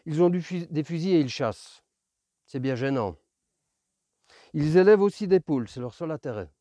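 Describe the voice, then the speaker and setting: A lonely, patient fox, as read by a man in a storybook. His voice is mellow and swings up and down, earnest and pleading. The sound is dry and close. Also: fairly high pitch, animated, dry recording, highs cut off, natural voice. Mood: wry. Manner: earnest, pleading, explains slowly.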